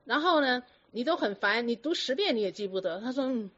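Higher-voiced woman lecturing with questions. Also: brisk. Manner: lively, lecturing, rhetorical questions. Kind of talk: storytelling talk to an audience. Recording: dull lo-fi recording.

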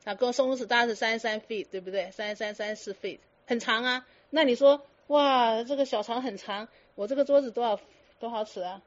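A woman's voice: on the high side, brisk. Teasing woman Buddhist teacher, lo-fi. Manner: teasing rhetorical questions, mixes English words. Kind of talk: dharma talk to students.

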